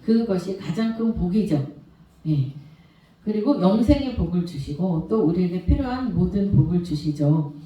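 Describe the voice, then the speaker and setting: Brief: woman pastor, middle-aged, heartfelt testimony sermon, dark mellow tone, distant mic in a reverberant sanctuary. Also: lowish voice, animated, normal speed. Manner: earnest, storytelling with emotional swells. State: choked up at times. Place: church sanctuary. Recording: very echoey church hall, voice far from mic.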